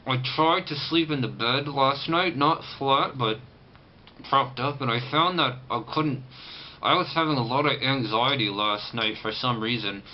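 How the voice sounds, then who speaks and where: Male vlogger, casual and halting, sore jaw with clenched articulation, mid-pitched, muffled noisy home-video sound. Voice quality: restricted, tight-jawed articulation from a banded, sore jaw after surgery. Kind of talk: casual first-person recovery vlog. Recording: muffled, lo-fi camera audio with clear background noise.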